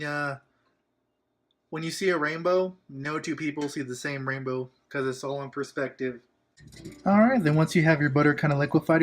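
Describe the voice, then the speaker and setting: A man hosting a casual cooking demonstration, giving laid-back, chatty instructions with joking asides. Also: a little high. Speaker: cooking show host. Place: kitchen, at the stove and counter.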